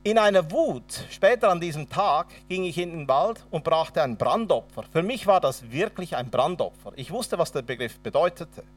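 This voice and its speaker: Animated Swabian preacher, high voice. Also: male voice, moderate pace, few pauses, recorded from a distance. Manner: dramatic storyteller, acts out dialogue. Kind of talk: sermon with personal testimony.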